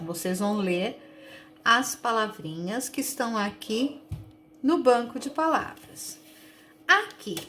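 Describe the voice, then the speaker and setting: A woman teacher with a Brazilian Portuguese accent, slowly and patiently sounding out words for young children in a recorded lesson. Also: fairly high pitch, slight background noise. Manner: slow, patient, sounds out words and stretches syllables. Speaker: primary school teacher.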